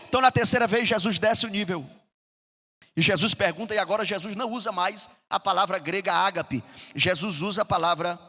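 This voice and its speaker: A middle-aged Brazilian man preaching a sermon as pastor, swinging between loud emphasis and soft asides. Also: very high voice. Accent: Brazilian Portuguese. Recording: reverberant hall.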